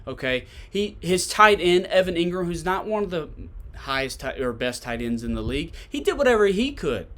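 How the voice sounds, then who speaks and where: A man's voice: fairly high pitch, big pitch swings, moderate pace, fairly bright tone. A man hosting a sports podcast, giving solo game commentary in an emphatic way, repeating points and asking rhetorical questions. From Tennessee, United States.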